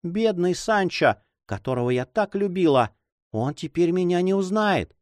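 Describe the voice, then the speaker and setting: A man's voice: high-pitched, expressive, moderate pace, no echo, clean studio sound, voice pushed up. A man reading aloud, voicing a grieving noble lady who speaks in sighs and tears. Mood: sorrowful. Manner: sighing, tearful delivery.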